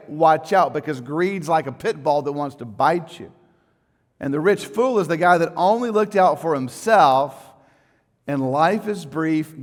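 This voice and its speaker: A man preaching a sermon as pastor, conversational and folksy, swinging from quiet asides to loud emphatic lines. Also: fairly high pitch. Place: church sanctuary. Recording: church sanctuary with long reverb.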